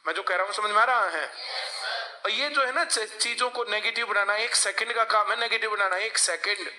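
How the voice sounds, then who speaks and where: A man's voice: sits high, fairly quick, sharp tone. A male coaching teacher, lecturing a class and often asking the students to answer him. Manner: lecturing, asks class for replies.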